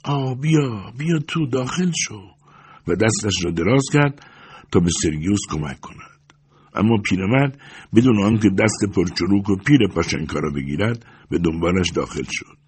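Brief: male audiobook narrator, low and husky, measured literary delivery. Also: expressive, a little mellow.

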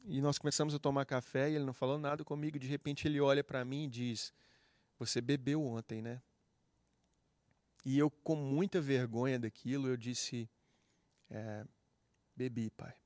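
A man's voice: medium pitch, steady tone, a little fast, few pauses, darkish tone, no echo. A man with a Brazilian accent preaching a sermon, telling a personal testimony in an earnest, heartfelt way. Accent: Brazilian Portuguese.

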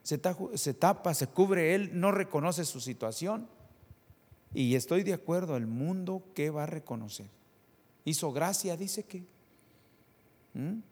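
Spanish-speaking preacher in an echoing hall. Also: male voice, fairly high pitch, expressive, unhurried, pauses often. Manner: asks the congregation rhetorical questions, swings between soft and loud. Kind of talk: sermon. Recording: long reverb of a hall.

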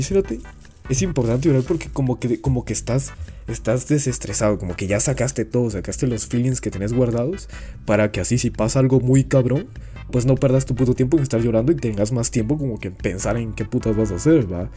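A man's voice: medium pitch, brisk, mellow, soft background music. A young man with a Guatemalan Spanish accent, co-hosting a casual podcast chat in a slangy, profane, joking way. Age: young adult. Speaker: podcast co-host.

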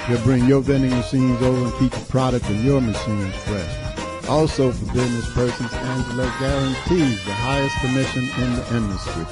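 A man, co-hosting a talk show and reading ads in a steady, precise way. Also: mid-range voice, normal speed, loud music behind the voice. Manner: steady, precise, self-correcting. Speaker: co-host.

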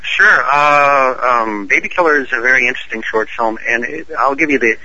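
A man's voice: mid-range voice, normal speed, bright, forceful tone, no echo, highs cut off. A man being interviewed as an actor guest over a call, genial and joking. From Canada. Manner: genial, joking, chatty with fillers. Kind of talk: casual interview chat. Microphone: phone call.

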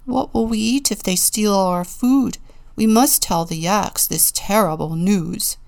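A woman's voice: mid-range voice, a little slow, gravelly, a little mellow. A woman voicing a worried, alarmist male polar bear in a storybook, with an anxious manner.

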